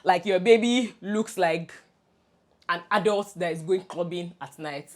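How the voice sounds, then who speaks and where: Speaking unhurriedly in a lowish voice, this young Nigerian woman is one of two best friends casually chatting on a podcast she co-hosts. Her storytelling is lively, full of laughter and frequent restarts.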